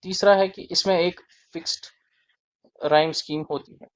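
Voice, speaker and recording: A teacher explaining a literature topic in a deliberate lesson, spelling out key terms word by word. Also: mid-range voice, fairly even intonation.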